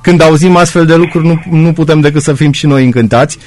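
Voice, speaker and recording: A man's voice: fairly high pitch, darkish tone, soft background music. A man hosting a radio call-in show, friendly and teasing, with many fillers. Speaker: radio host.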